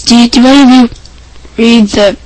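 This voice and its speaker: A woman hosting an amateur podcast with a hoarse, scratchy voice, rambling and offhand as she chats and reads out items. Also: a little high, steady tone, moderate pace, darkish tone, no echo. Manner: rambling, offhand, self-interrupting. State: hoarse voice, clearing throat. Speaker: podcast host. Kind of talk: casual amateur podcast talk, part reading news items.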